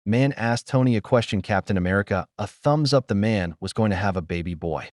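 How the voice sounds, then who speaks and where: Speaking briskly in a fairly low, darkish voice, a man gives a simple spoken retelling of a movie's plot. His sentences are short, choppy and loose, like an amateur reviewer's. The audio is studio quality with no room sound.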